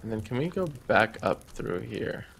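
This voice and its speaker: A man's voice: on the low side, very animated, normal speed, gravelly, a bit bright, a little hiss or hum. A man playing a co-op survival game, talking casually and practically with mild exclamations. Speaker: co-op gaming partner. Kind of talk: casual let's-play chat.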